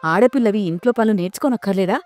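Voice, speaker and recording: A woman voicing a nagging, quick-tempered middle-aged mother in a spoken story, scolding in rapid complaints. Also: medium pitch, darkish tone, soft background music, natural voice.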